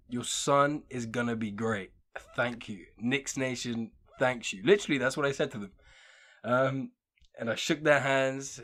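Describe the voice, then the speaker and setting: Young male podcast host, rambling self-deprecating storyteller, average pitch. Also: fairly bright tone. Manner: rambling, self-deprecating, with frequent fillers and restarts. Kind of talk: casual storytelling monologue.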